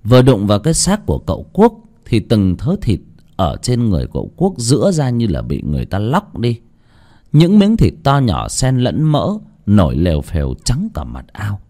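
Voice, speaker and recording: A man's voice: lowish voice, wildly swooping pitch, normal speed, mellow. A man narrating a folk horror story in a dramatic storytelling style. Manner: dramatic, swooping delivery.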